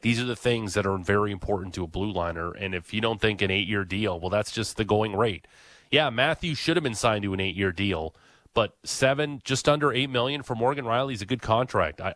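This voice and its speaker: A man's voice: lowish voice, fairly bright tone, no room sound. A man hosting sports talk radio, chatty and opinionated, with lots of "uh" fillers.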